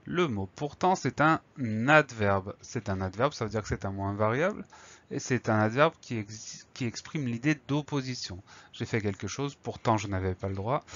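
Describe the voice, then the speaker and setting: A man's voice: mid-range voice, fairly bright tone, no echo, muffled recording. A man teaching a spelling lesson, spelling words out letter by letter and explaining each one patiently before a dictation.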